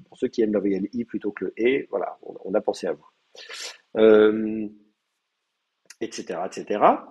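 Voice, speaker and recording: A man's voice: mid-range voice, a little mellow, lo-fi sound. A man with a French accent giving a university lecture, hesitant, with many fillers and restarts. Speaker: teacher.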